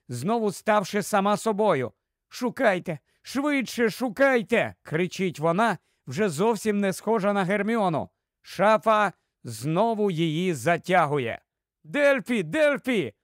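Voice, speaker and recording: A man narrating a fantasy story in a lively, dramatic storyteller manner. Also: high voice, measured pace, no echo, clean studio sound.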